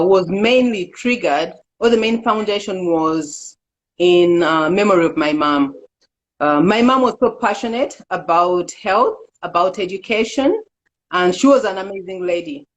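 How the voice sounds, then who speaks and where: Woman, middle-aged, from Uganda, earnest, halting, fillers, medium pitch. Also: lively intonation, low-quality recording. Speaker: executive director, interview guest. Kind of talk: casual interview talk.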